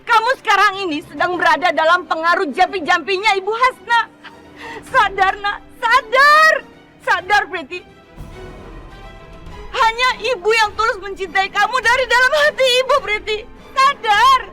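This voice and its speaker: A woman's voice: very high voice, moderate pace, echoey room, music in the background. A woman dubbing a scornful, scheming middle-aged mother in a TV drama, accusing and insistent. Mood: pleading. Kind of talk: dubbed TV drama.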